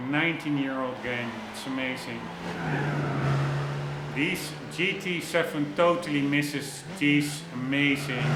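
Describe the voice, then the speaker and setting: A man's voice: fairly high pitch, heavy background noise. Chatty man commenting over racing game music. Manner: chatty, thinks aloud, self-correcting. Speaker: gameplay commentator. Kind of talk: casual game commentary, reading out instructions. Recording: echoey room with game music behind.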